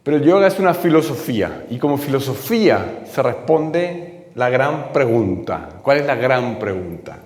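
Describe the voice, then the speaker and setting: A man's voice: mid-range voice, big pitch swings, normal speed, a little mellow. A man explaining a lesson patiently, often checking in with his listeners. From Chile. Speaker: teacher. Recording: echoey hall.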